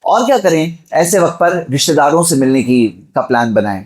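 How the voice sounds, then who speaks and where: With a fairly high, sing-song voice, a male preacher from Mumbai, India delivers a Friday sermon. His style is exhorting, addressing listeners directly and posing rhetorical questions.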